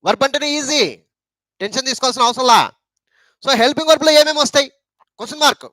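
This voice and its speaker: A man's voice: very high voice, quick pace, bright, forceful tone, no room sound. A man with a Telugu accent teaching an English grammar lesson, repeating points and asking rhetorical questions.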